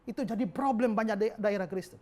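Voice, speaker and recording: A male pastor preaching a sermon with animated, emphatic storytelling. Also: high voice, quick pace.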